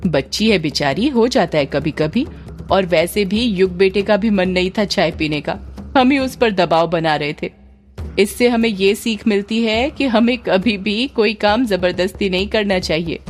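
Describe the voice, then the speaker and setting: A woman's voice: mid-range voice, unhurried, soft background music, close to an everyday voice. A woman doing a kindly coaxing aunt. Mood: gentle coaxing. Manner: coaxing, gentle. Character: kindly older aunt, gentle and soothing.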